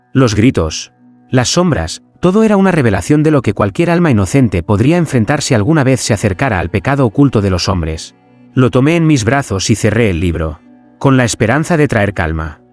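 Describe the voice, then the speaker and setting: A man telling a first-person horror story as a priest, in solemn, dramatic scripted narration. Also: medium pitch.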